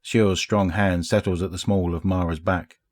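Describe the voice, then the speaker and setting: A man narrates game lore as an audiobook with a measured, steady pace. His voice sits low. The recording is dry and close to the mic. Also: no room sound.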